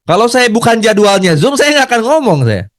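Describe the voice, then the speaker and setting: High-voiced man, earnest pep talk. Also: big pitch swings, brisk, no room sound, clean studio sound. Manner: earnest, repetitive, conversational. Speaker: network marketing business leader. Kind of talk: motivational business talk.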